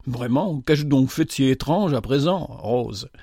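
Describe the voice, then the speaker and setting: A man voicing gentle, soft-spoken Félicia. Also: medium pitch, measured pace, no echo, studio quality. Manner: soft, calm, quiet. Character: gentle earnest young woman, Félicia.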